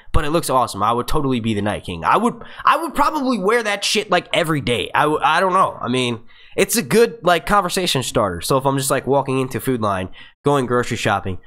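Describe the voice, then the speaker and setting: An American YouTube host in his twenties sounds youthful at a medium pitch as he chatters animatedly through a casual live stream, reading the live chat. He rambles, using many fillers and a lot of profanity.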